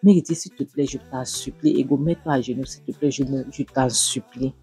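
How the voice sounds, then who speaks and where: A man voicing a meek young wife who begs her sister softly and over and over. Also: mid-range voice, steady tone, a little fast, breathy edge, faint music behind. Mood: pleading. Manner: soft, begging, repeating pleas.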